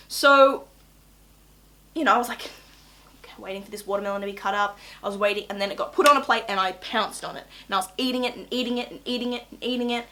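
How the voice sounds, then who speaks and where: A nineteen-year-old Australian woman telling a casual storytime to camera in a chatty, gossipy, excitable way with dramatic emphasis. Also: on the high side. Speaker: YouTube vlogger.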